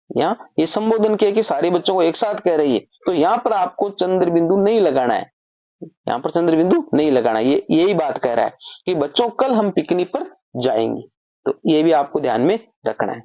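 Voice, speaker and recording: A woman's voice: on the low side, expressive, moderate pace, mellow, dry recording, studio quality. A woman teaching Hindi grammar, explaining patiently step by step and often posing a question before answering it herself. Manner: repeats points as questions and answers them herself. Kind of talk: explanatory lesson.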